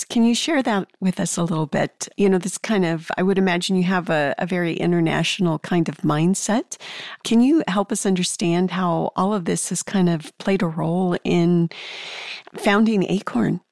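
Curious woman interviewer, low voice. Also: moderate pace, dry recording, studio quality. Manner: curious, gently probing. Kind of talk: interview questions.

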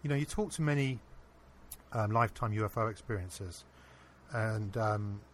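A man being interviewed, earnestly telling a personal anecdote in a casual, animated way. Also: on the low side, moderate pace, slight background noise. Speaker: interview guest. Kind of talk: casual storytelling.

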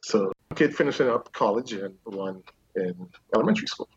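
A Bahamian man in his fifties, a real estate agent answering interview questions in a measured, explanatory way with frequent ums. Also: on the low side, lively intonation, slightly rough, no room sound, lo-fi sound. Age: 50s. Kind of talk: remote interview.

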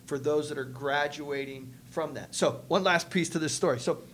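A man co-hosting a faith podcast, telling a story in casual chat, animated and acting out what people said, with many restarts. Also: on the high side, moderate pace, a little hiss or hum. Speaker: podcast co-host, church multiplication leader.

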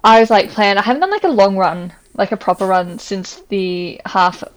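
A young Australian woman who teaches, co-hosting a casual chat podcast, talking fast and loose with lots of "like" fillers and laughs. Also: mid-range voice.

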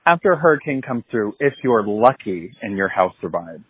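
Guy from florida leaving a voicemail over a landline phone, kinda husky, thin tinny line. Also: fairly low pitch, very animated, moderate pace, dry recording. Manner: chatty, self-deprecating, with small laughs. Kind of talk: casual rambling voicemail.

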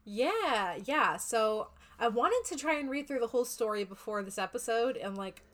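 A woman's voice: on the high side, expressive, moderate pace, a bit bright. A woman co-hosting a podcast, explaining in a rambling, chatty way. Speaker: podcast co-host. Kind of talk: casual podcast chat.

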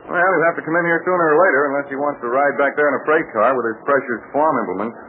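A man's voice: fairly high pitch, racing, narrow, tinny audio, lightly acted. A man playing a tough, wry, confident adventurer in a 1940s radio serial, on an old noisy recording.

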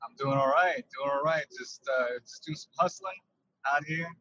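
A man's voice: medium pitch, sharp tone, dull audio. Man talking from a windy truck cab. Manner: halting, repeats words while thinking. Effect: windy, tunnel-like truck-cab sound. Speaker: podcast guest. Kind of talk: casual interview over a call. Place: inside his truck.

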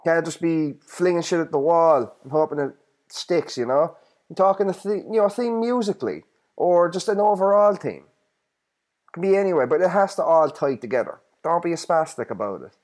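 A man's voice: fairly high pitch, animated, moderate pace, darkish tone. A man with a North Kerry Irish accent hosting a music podcast, talking casually with irreverent, sweary slang. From North Kerry, Ireland. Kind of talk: casual solo podcast talk.

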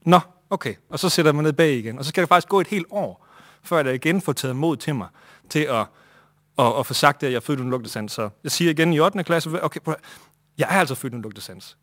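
Funny guy telling a story on stage, acts everyone out, bit high voice, dry. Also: dry recording. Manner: animated, comic, acts out other people. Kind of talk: live storytelling.

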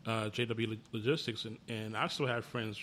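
Bright-voiced man telling a story. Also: on the low side, fairly even intonation, moderate pace, slight background noise. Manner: storytelling, swears freely, laughs while telling. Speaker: podcast co-host. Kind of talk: casual chat.

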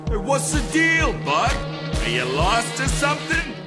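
An actor playing a pushy, streetwise Death with a Brooklyn accent in a video game, over game music. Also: male voice, very high voice, wildly swooping pitch, a little slow, exaggerated voice.

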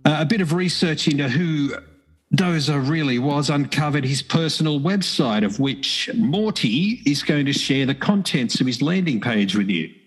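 A man narrating a podcast story in a slightly wry storytelling way. His voice sits a little high and has a husky edge. Faint music runs behind him. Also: expressive, normal speed, rough recording. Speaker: podcast host.

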